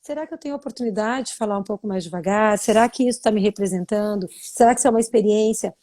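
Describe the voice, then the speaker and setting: A woman's voice: medium pitch, quick pace, dark tone. A woman hosting a live-stream interview who speaks thoughtfully and adds short agreeing remarks. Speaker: host. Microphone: video call.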